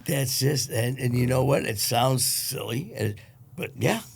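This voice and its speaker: A man's voice: mid-range voice, lively intonation, measured pace, vocal fry, breathy edge. A middle-aged man from Detroit, a podcast guest, telling a blunt, profane story with lots of quoted dialogue. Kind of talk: casual storytelling.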